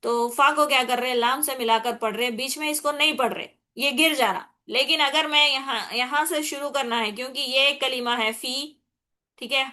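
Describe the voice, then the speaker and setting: A woman teaching a Quran recitation class, with a Hyderabadi Urdu accent. Her voice is bright and sits a little high. She explains patiently, repeats key points, checks in with the class often, and slows down for the recited examples. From India. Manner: breaks into slow recited Arabic examples. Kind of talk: explaining tajweed rules in a class.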